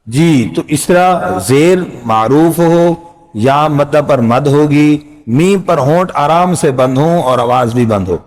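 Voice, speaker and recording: A middle-aged man teaching Quran reading in a casual spoken lesson, explaining patiently and repeating phrases and drawn-out letter sounds. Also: fairly high pitch, animated, darkish tone.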